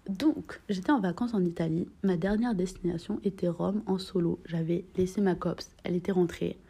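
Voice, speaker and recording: A woman's voice: on the low side, steady tone, moderate pace, warm tone, husky. A young woman in her twenties telling a holiday story in a chatty, slangy vlog, joking at her own expense and dropping into whispered asides. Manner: chatty, slangy, mixes in English phrases; playful, self-mocking, drops into whispered asides. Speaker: vlogger.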